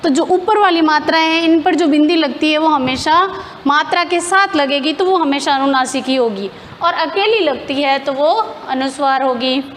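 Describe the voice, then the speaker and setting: A woman's voice: sits high, moderate pace, fairly bright tone, long reverb tail, a little hiss or hum. A woman teacher explaining grammar step by step in a classroom lesson, asking questions and answering them herself.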